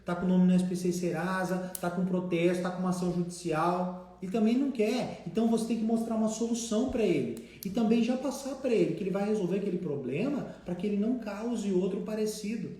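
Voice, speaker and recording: Brazilian male trainer, higher voice, lively, acts out debtors; heavy room echo. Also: quick pace, few pauses. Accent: Brazilian Portuguese. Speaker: debt collection trainer. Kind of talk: casual instructive talk. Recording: very echoey room.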